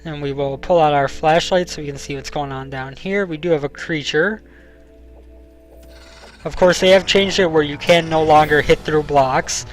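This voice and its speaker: A man's voice: on the high side, fairly even intonation, moderate pace, faint music behind, poor audio. A young man giving casual gameplay commentary as a let's play host, explaining at length with frequent ums, and has the hiccups.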